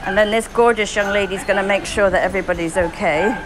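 A woman's voice: mid-range voice, steady tone, quick pace. Woman vlogging at an animal shelter outside, chatty and upbeat, lots of noise behind her. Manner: chatty, upbeat, talks to dogs and people. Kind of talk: casual handheld vlog chat.

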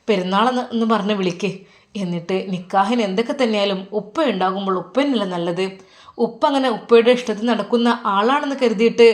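A woman voicing a caring middle-aged mother, who soothes and coaxes her grown daughter softly. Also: mid-range voice, lightly acted. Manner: soothing, coaxing.

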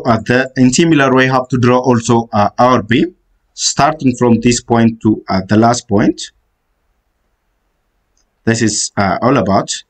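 Walking through a software tutorial on a screen recording, a man gives instructions step by step in a halting way, dropping lots of "uh" fillers. His voice is mid-range.

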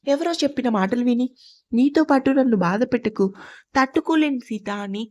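A blunt, stern young man, read out by a woman storyteller, who speaks softly but firmly. Her voice stays slightly high. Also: normal speed, lo-fi sound, lightly acted.

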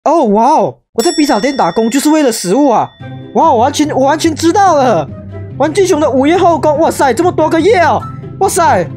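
A young woman giving excitable, shrieking let's play commentary, peppered with English exclamations. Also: high voice, brisk, over music. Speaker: gaming YouTuber.

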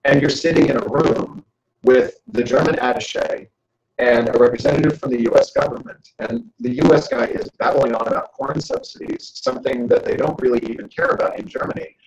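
A man giving a joking, animated lecture to an audience as a guest speaker. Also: mid-range voice, brisk, creaky, roomy sound, muffled recording. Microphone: camera.

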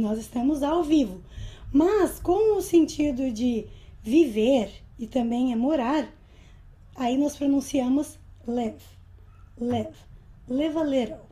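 Brazilian woman, English teacher; high, mellow, unhurried video-lesson delivery with repeated pronunciation models. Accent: Brazilian Portuguese. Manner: slow, patient, repeats words to model pronunciation. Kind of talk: explaining slang in a video lesson.

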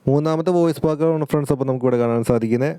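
Male gaming vlogger, very fast casual delivery, dark smooth tone, talks straight to his viewers. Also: mid-range voice. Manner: chatty, keeps addressing viewers as friends and guys. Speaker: gaming YouTuber. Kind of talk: casual game update commentary.

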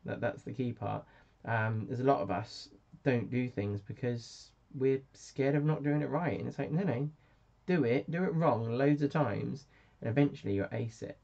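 A man's voice: mid-range voice, normal speed, gravelly, hardly any pauses, darkish tone. A man hosting a casual live stream, chatty and self-mocking as he answers viewers. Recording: dull lo-fi sound.

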